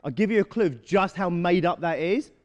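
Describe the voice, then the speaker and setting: A man giving a live motivational talk to a young audience, often checking in with quick rhetorical questions. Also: high voice, animated, in a large hall. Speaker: motivational speaker.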